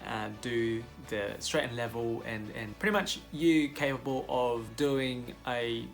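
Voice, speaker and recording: Gravelly Filipino-accented man explaining. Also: medium pitch, a little slow, faint music behind. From Philippines. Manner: friendly, direct address to viewers, frequent fillers. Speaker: commercial pilot and YouTuber. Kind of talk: casual explainer vlog.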